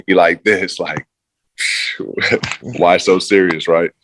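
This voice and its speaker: Deep-voiced and a bit bright, a former football player speaks slowly with fairly even intonation while being interviewed about his career, with slight background noise. The conversation is casual, and he's laid-back and slangy, trailing off with fillers.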